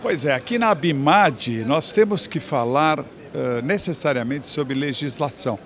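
A man in his fifties with a Brazilian Portuguese accent hosts on-site trade fair interviews for TV, enthusiastically praising products into a handheld mic in a large exhibition hall. His voice is a little high and a little slow, heard over loud music.

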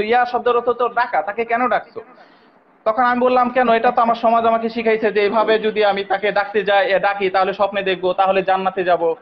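A man in a heated online debate, recounting his past and insisting on being heard. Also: very high voice. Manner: insistent, keeps interrupting to hold the floor. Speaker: former believer debating online. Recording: muffled lo-fi call audio.

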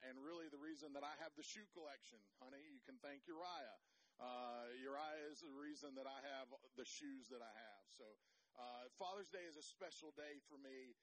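A middle-aged male pastor giving a sermon in a church, talking in a halting, playful way that keeps breaking off and restarting. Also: mid-range voice, a bit bright. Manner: halting, self-interrupting, emotional and playful. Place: church sanctuary.

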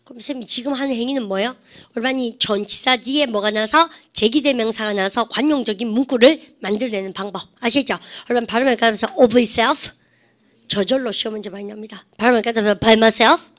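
A woman teaching an English grammar lecture, quizzing her class with lively rhetorical questions. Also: fairly high pitch, quick pace.

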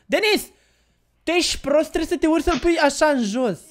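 A woman streaming a game live, chatting loudly and casually, teasing and laughing often. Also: high-pitched, expressive. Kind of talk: casual live gameplay chat.

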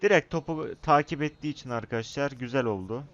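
A young man commentating his own football video game match, excitable, shouting at his players and chatting to viewers. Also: mid-range voice, fast, highs cut off. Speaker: gaming YouTuber.

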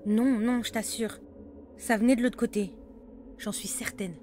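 A woman voicing a jumpy female soldier in an amateur horror audio drama, with quick, teasing banter. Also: a little high, steady tone, warm tone, slight background noise, lightly acted. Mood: curious.

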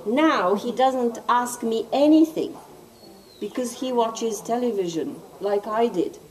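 A woman interpreting in a group discussion, speaking haltingly with many restarts, picked up by a distant camera in a meeting room. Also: fairly high pitch, expressive, darkish tone. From Serbia. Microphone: far camera.

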